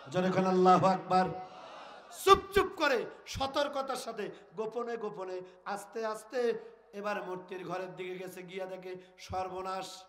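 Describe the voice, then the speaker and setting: Man, northern Bangladeshi Bengali accent, high ringing voice, storytelling sermon, melodic chanting, shouts at listeners. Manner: chants Quran verses in drawn-out melody, shouts to crowd; acts out prophet's lines in rustic dialogue, scolds listeners. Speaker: preacher.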